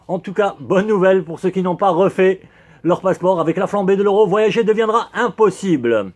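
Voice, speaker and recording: A man delivers an ironic satirical monologue. His voice sits high, and he lands each punchline with dry sarcasm. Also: a little mellow. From Algeria. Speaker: humor columnist.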